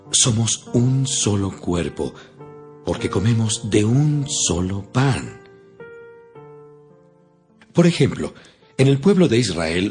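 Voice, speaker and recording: Solemn, deep-voiced apostle preaching over music. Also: male voice. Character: apostle Paul, earnest, stern male preacher to his flock. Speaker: Bible reader voicing the apostle Paul. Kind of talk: dramatized audio Bible, solemn scripted narration. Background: music behind the voice.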